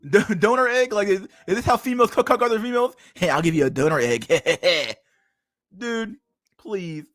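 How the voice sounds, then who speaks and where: A man's voice: high-pitched, moderate pace, fairly bright tone, dry recording, soft background music. A man in his thirties reading an article aloud on a stream, then breaking off into crude, mocking rants with frequent laughter. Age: 30s. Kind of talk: casual livestream commentary.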